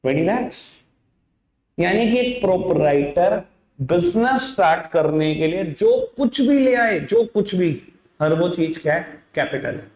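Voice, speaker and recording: A man's voice: high voice, lively intonation, a little slow, darkish tone, roomy sound, low-quality recording. A man teaching an accounts class in a classroom, coaxing his students along and mixing into his talk. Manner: coaxing, addresses students as beta and babu. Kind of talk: classroom lecture.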